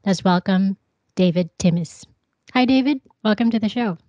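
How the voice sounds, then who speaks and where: A young woman from the Philippines hosting an interview over a video call, friendly and quick to laugh. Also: mid-range voice, warm tone, no echo. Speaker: podcast host. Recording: dry, dull lo-fi call audio.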